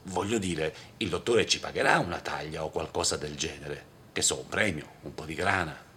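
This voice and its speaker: Man doing a high, loud, whining, frightened addict for an audiobook. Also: normal speed, slight background noise, heavily acted. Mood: scared whining. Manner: high, loud, whiny and fearful. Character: jittery scared male veteran addict.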